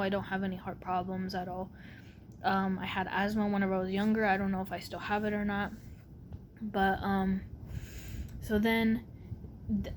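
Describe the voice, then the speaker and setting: A young adult woman telling a personal story casually to camera, rambling and halting, her words slightly muffled by a sore, barely opened mouth. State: sore mouth after wisdom tooth removal. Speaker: vlogger. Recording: clear background noise with low rumble.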